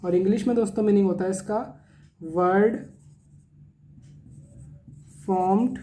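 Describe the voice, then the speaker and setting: A vocabulary teacher gives an exam lesson, explaining in Hindi and reading English definitions word by word, spelling terms letter by letter and repeating each meaning several times. His mellow, unforced voice sits high, with fairly even intonation and rapid-fire delivery. There is a little hiss or hum in the audio.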